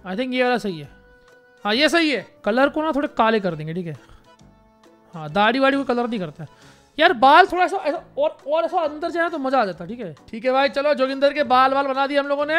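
A young man giving casual, joking gameplay commentary as a gaming YouTuber, excitable and repeating phrases in quick bursts. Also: extremely high pitch, faint music behind.

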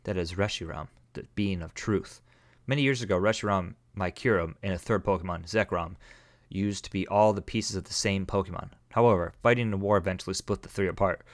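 A smug, measured cult villain, read by a man in a fan-made monster-collecting game, talking down to a kid in a low voice. He explains his plans slowly and with condescension. The sound is close and dry. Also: no echo, lightly acted. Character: calm smug adult male cultist villain.

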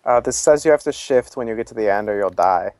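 A man's voice: fairly low pitch, expressive, quick pace, a little mellow, no echo. A young man playing along as co-player, joking in a dry, matter-of-fact way. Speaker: gaming co-player. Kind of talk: casual game chat.

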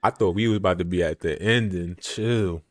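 Young male streamer, lowish voice, casual slang-heavy hype patter, dry sound. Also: moderate pace, dry recording. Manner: laid-back slangy hype talk, repeats phrases. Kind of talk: casual live gameplay commentary.

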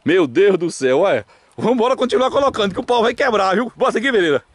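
A man with a Brazilian caipira country accent giving casual, excited, jokey fishing commentary outdoors from behind a handheld camera. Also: sits high, quick pace, no room sound. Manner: animated, jokey, exclamatory. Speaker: vlog host and cameraman. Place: open hillside pasture by ponds, outdoors.

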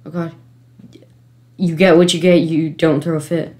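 A woman giving let's-play commentary from her home computer setup, frustrated, pleading with the game and breaking into sudden gasps and yells. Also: low voice, flat delivery, normal speed. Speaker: gamer.

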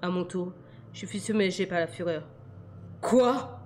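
A woman reading a novel aloud in a measured, quiet first-person narration. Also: lowish voice, fairly even intonation, faint music behind. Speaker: audiobook reader.

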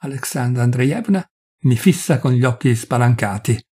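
A man reading a classic short story aloud in measured, confiding audiobook narration. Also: medium pitch, animated, mellow, husky. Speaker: audiobook reader.

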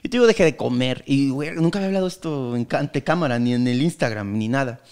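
A man's voice: medium pitch, fast talker, clear, resonant tone. A man with a Mexican accent, a podcast guest telling stories casually and acting out the voices of the people in them. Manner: animated storytelling, acting out quoted voices. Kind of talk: casual comedic interview talk.

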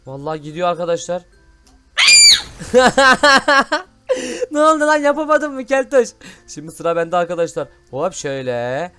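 A man hosting excited gameplay commentary, full of loud exclamations. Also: sits high, a little slow, soft background music. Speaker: gaming host.

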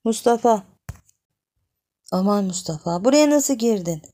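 A woman voicing a frightened young village wife who pleads in a hushed, frantic way. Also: mid-range voice, animated, a little slow, voice pushed up. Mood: startled.

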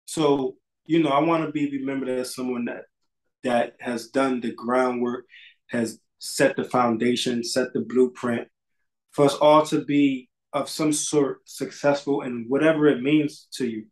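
A barber in his thirties, from Connecticut, talks on a video call from inside his small shop. He sounds loose and easygoing, drops casual swearing and repeats his words as he goes. His voice sits at an ordinary middle pitch. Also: fairly even intonation, unhurried, poor audio. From Bridgeport, Connecticut. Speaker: barber, podcast guest. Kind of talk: casual interview chat.

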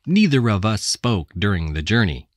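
An American woman reading English textbook passages aloud with careful, deliberate enunciation. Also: extremely low pitch, very animated, dry recording, clean studio sound. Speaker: English text reader. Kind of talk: slow scripted textbook reading.

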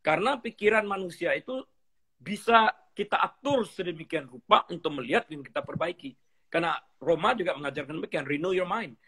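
A husky, slightly high-pitched man in middle age speaks as a pastor in a relaxed interview. He tells stories animatedly, acts out little dialogues and mixes English phrases into his talk. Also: a little fast. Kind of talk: conversational teaching interview.

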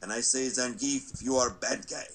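A man voicing a brawny, earnest Russian wrestler villain in an animated film, solemn and deliberate, with a Russian accent. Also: mid-range voice, lightly acted. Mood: solemn confiding. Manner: deliberate, solemn, drops articles.

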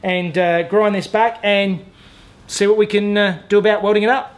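An Australian man in his thirties hosts a DIY car repair tutorial, showing body repair in his garage workshop with voice-over and a lapel mic. His voice sits high and moves at normal speed. He's relaxed, practical, and self-deprecating, with lots of "uh" fillers.

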